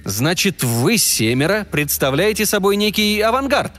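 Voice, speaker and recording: A man voicing an ordinary man who speaks with dry, gentle mockery. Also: high voice, sing-song, normal speed, faint music behind, pitched above the performer's own voice. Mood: mocking. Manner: dry, mildly mocking. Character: ordinary mocking middle-aged American man.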